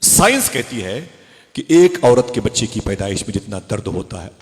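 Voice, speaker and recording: Impassioned low-voiced male preacher in a hall. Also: big pitch swings, moderate pace. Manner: impassioned storytelling, soaring to high cries and dropping to hushed tones. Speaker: Islamic preacher. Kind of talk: emotional religious sermon. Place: religious gathering before a live audience. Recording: long hall reverb from a big venue.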